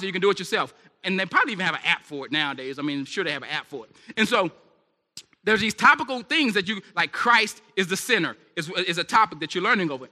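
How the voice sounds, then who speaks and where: A man preaching at a church service in an animated, conversational way, throwing questions out to the congregation. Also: high voice. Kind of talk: sermon. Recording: echoey hall reverb.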